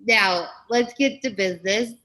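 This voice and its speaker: A woman comedian hosting a show, telling a rambling deadpan bit with many fillers, then handling business. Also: mid-range voice, measured pace, rough recording. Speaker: host.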